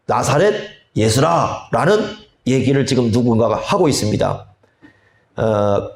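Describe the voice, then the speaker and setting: A male pastor preaching a sermon, slow and deliberate, often asking the congregation rhetorical questions. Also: mid-range voice, a little mellow. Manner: slow, deliberate delivery with drawn-out phrases. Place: church sanctuary. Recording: echoey church hall.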